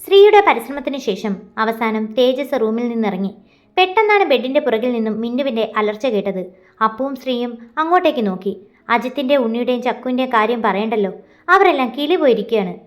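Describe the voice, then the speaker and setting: A woman reading a love story aloud as storyteller in a plain, steady way. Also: on the high side, quick pace.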